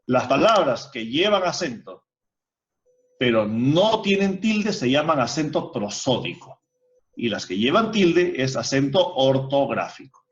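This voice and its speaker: A man's voice: medium pitch, big pitch swings, unhurried. A male teacher giving a grammar lesson in an online class, explaining step by step and asking the students rhetorical questions. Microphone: video call. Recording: muffled video call audio.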